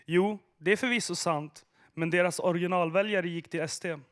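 A man voicing a sinister, cold messenger figure in a story read aloud, speaking with icy flatness. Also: sits high, lightly acted. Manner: icy, flat delivery.

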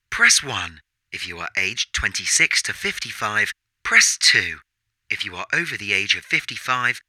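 A man voicing a smug automated phone menu for a comedy sketch, sounding flat and patronizing. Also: mid-range voice, no echo, exaggerated voice.

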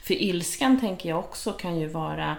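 A woman hosting a podcast, speaking calmly and reflectively in casual conversation. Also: on the low side, vocal fry. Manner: calm, reflective, many soft affirmations. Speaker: host. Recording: roomy echo.

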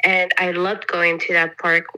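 A woman, a podcast guest, talking late at night, unhurried and tired, filling pauses with ums and laughing lightly. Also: on the low side, level tone, pushed and bright, rough recording. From United States. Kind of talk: casual interview.

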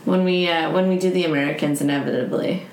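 Gravelly, low-voiced woman podcaster. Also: steady tone, fast, darkish tone, slight background noise. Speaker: podcast co-host. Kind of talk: casual chat. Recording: roomy echo.

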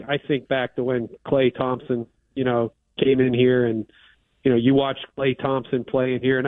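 A man's voice: medium pitch, no echo. A man from Pittsburgh, a university athletics official, talking casually as a guest on a radio show over a remote satellite line, with plenty of "you know" fillers. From Pittsburgh, USA. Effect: remote satellite line, phone-like sound. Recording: tinny remote phone-like line.

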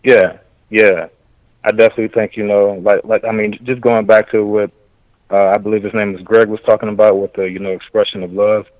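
A man calling in to a casual chat over a muffled remote line that breaks up, talking in a halting way and searching for words. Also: on the low side, little pitch movement, no echo. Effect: muffled remote call line, audio breaking up. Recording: dull lo-fi dry call audio.

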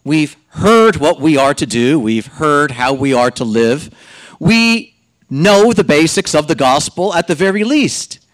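A man giving a liturgical Gospel reading and homily as a clergyman, solemn and deliberate, with emphatic pauses. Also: a little high, expressive, rough recording.

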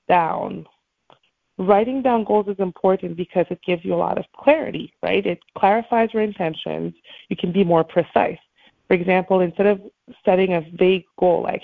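A woman's voice: lowish voice, creaky, no echo. A woman speaking as a morning show host, giving an encouraging motivational talk and addressing her listeners directly, over a call line. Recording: thin phone-like call audio.

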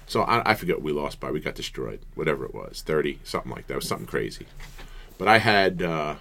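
A middle-aged man with a deep, low voice spins animated stories as an interview guest. He keeps them casual and rambling, and he acts out the quotes loudly. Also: fast talker, vocal fry. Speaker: guest, former college basketball player. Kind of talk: storytelling interview chat.

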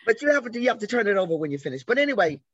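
A woman in her sixties from the American South, guesting on an interview and telling stories in a lively way, acting out the people she quotes. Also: a little high, rapid-fire, slightly rough, no echo. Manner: animated storyteller who acts out quoted voices. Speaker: interview guest, arts educator. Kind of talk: conversational storytelling. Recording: dry, slightly dull lo-fi audio.

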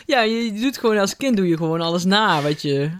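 A man's voice: high voice, lively intonation, fairly quick, background noise. A middle-aged man from the south of the Netherlands. He chats casually, often breaking off his own sentences and circling back as he tells a story. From Limburg, Netherlands. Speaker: podcast guest. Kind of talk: casual chat.

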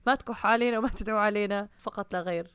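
Quick young Levantine Arabic woman, close and dry. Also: mid-range voice, fairly bright tone, clean tone, no echo. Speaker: podcast co-host, pharmacist. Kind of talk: casual comedic podcast chat.

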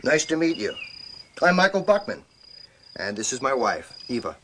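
A man with an American accent playing a young husband moving house in a scripted language-lesson dialogue, speaking slowly and carefully. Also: medium pitch, sing-song, a bit bright, slight background noise. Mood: friendly.

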